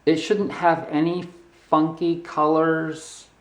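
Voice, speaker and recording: A man giving a blunt, preachy, casual monologue to viewers, phrasing deliberately with pauses and chewing food while he talks. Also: on the high side, little pitch movement. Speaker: health vlogger.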